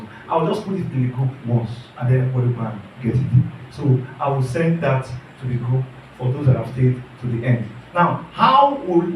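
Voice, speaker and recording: This online instructor is a man with a slightly high, darkish voice who teaches earnestly, circles back over the same phrases, and regularly quizzes the class. The recording carries a faint hiss or hum. It was captured in a reverberant room with the speaker far from the mic.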